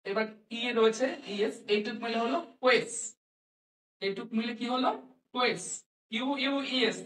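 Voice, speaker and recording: A woman teaching English pronunciation to students. She asks questions and answers them herself, and she repeats each sound slowly. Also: fairly high pitch, recorded from a distance. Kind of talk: classroom-style lesson. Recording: echoey room, voice from off-mic.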